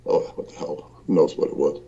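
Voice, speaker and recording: A man's voice: brisk, mellow, dull audio. A man speaking over an internet call from a hotel hallway, sounding distant and echoey as if in a cave, rambling with many fillers and restarts. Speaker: guest calling in from a trip. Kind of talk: casual call-in chat. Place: hallway of a small hotel room.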